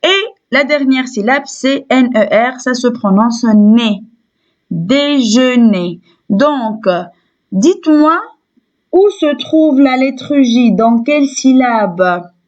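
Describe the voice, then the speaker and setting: A woman with a Tunisian French accent teaches young children to read, spelling out letters and repeating syllables over and over. She speaks very slowly, in a fairly high voice. The recording sounds dull and lo-fi. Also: lively intonation, darkish tone. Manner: slow and deliberate, repeats syllables several times. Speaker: primary school teacher. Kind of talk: slow phonics lesson for young children.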